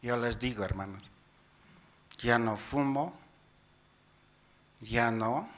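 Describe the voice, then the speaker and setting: A man's voice: medium pitch, slow, fairly bright tone. A man from Bolivia preaching a Sunday church sermon as a deacon, often asking the congregation questions and calling them brothers. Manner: repeatedly asks the congregation questions and keeps addressing them as brothers; tags sentences with "dice" while paraphrasing scripture.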